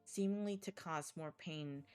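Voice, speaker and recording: A woman's voice: low voice, measured pace, clean tone, faint music behind. A woman streamer dramatically reading a text game aloud, stumbling now and then and reacting bluntly.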